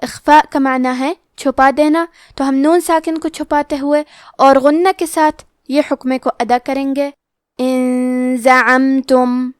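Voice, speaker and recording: A woman teaching Quran recitation rules, explaining each letter and rule slowly and carefully. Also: high-pitched, darkish tone, no echo, clean studio sound. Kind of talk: tajweed lesson explanation.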